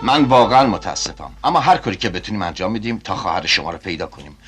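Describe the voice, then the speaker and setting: A low-voiced, sympathetic older official in a dubbed film whose pitch moves widely as he apologizes. Faint music plays behind. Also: expressive, fairly bright tone.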